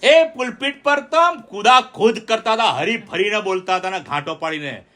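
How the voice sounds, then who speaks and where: A man's voice: high-pitched, moderate pace, fairly bright tone. A middle-aged man from India preaching a sermon with call-and-response. He speaks with emphasis and keeps asking his listeners questions.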